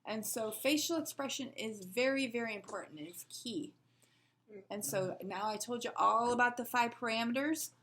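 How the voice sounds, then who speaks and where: A woman's voice: on the high side, normal speed, a bit bright, a little hiss or hum. A woman teaching a sign language lesson, patiently explaining and asking rhetorical questions as she demonstrates.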